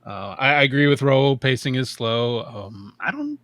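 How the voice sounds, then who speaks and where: A young man co-hosting a casual film review podcast, animated, laughing often and swearing casually. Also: mid-range voice, normal speed, dry recording. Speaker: podcast co-host.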